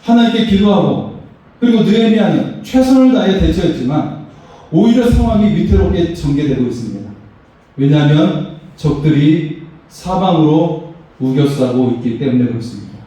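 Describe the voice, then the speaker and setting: A man's voice: fairly high pitch, animated, moderate pace, mellow. A pastor, a man, preaching a sermon with emphatic, rising phrases. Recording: echoey hall, voice far from mic.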